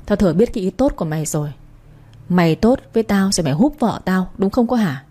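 A woman's voice: mid-range voice, expressive, fast talker, warm tone, lightly acted. A woman voicing a jealous, hot-tempered young husband who talks in a snapping, possessive way. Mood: furious.

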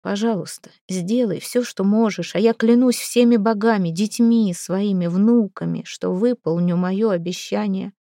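A woman voicing a gruff, grieving male village head who talks in a low, slow, heavy rumble. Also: dark tone, no echo, studio quality, lightly acted. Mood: desperate.

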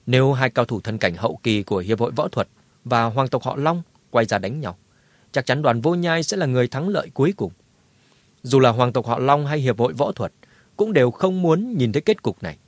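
A man narrating a martial arts novel in a dramatic, lively telling. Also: mid-range voice, no room sound. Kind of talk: scripted audiobook narration.

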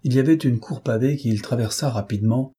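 A man narrating a novel in a measured, expressive storytelling manner. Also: medium pitch, breathy edge. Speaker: audiobook narrator.

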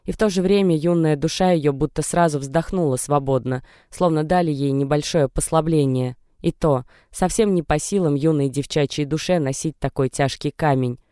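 A narrator reading prose in a measured, even way. The voice is mellow and resonant, recorded close and dry on a studio mic. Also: medium pitch, clean tone, no room sound. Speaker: audiobook narrator. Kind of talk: scripted narration.

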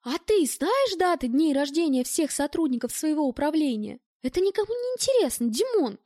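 A prim, easily alarmed wife, voiced by a woman reading aloud who gasps with indignation at anything improper. Her voice climbs high. The sound is close and dry. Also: very animated, moderate pace, mellow, dry recording. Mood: fussy. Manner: indignant, fussy, shocked. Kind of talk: audiobook reading.

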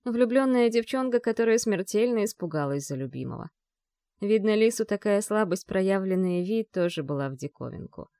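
A woman narrates a novel in a measured, expressive way with a mid-range voice. The recording is close and dry, with no room sound. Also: mid-range voice, no echo. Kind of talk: audiobook narration.

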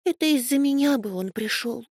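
Storybook part: a woman playing a tiny panicky kitten, high and squeaky, dry sound. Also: expressive, moderate pace, darkish tone, husky, dry recording, exaggerated voice. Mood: anxious. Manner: earnest and panicky. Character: small, anxious, sleepy male kitten.

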